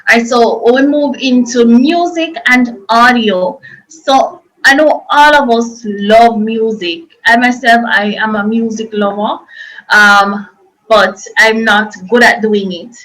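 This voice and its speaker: A woman's voice: a little high, slow, fairly bright tone, poor audio. A woman presenting an informal online workshop, explaining things in a chatty, loose and repetitive way.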